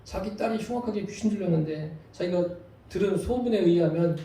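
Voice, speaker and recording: A man's voice: high voice, brisk, warm tone. A male pastor preaching a sermon in a church, asking the congregation rhetorical questions. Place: church sanctuary. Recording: very echoey church hall, voice from far off.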